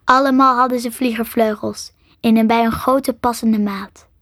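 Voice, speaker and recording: A woman narrates a children's chapter book in a slow, careful reading voice. Her voice sits fairly high, and the recording is close and dry with no room sound. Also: fairly even intonation, a bit bright, no room sound. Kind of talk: storybook reading.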